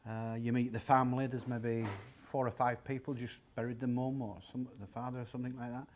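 The recording carries a little hiss or hum as a man in his fifties speaks a bit fast at medium pitch, with little movement in his voice. He owns a secondhand shop and, in an interview set in a large indoor furniture warehouse, chattily explains the prices of old items step by step.

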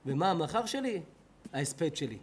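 A man, a rabbi with an Israeli Hebrew accent, preaching a sermon in a synagogue hall, swinging between loud outbursts and low murmurs. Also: sing-song, breathy edge.

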